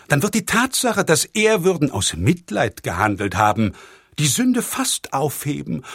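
A man reading an audiobook, voicing a smooth, flattering male priest with a scheming edge. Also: on the high side, dry recording, studio quality, voice pushed up. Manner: flattering, unctuous.

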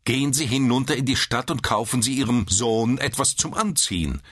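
A man's voice: on the high side, big pitch swings, brisk, a bit bright, husky, dry recording, studio quality, voice pushed up, heavily acted. A man voicing a strict, curt female nurse. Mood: stern. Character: stern, prim hospital nurse, a woman.

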